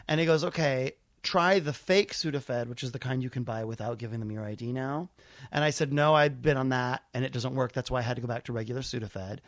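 An American stand-up comedian with a medium-pitched voice tells a personal story at a brisk clip, captured in a dry recording. He keeps it casual and animated, acting out the conversations with quoted dialogue as he goes.

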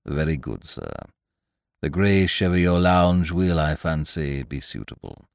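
A man doing a hushed, deferential valet. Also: lively intonation, unhurried, gravelly, smooth, dry recording, studio quality, heavily acted. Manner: hushed, low, very formal. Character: quiet, deferential male valet.

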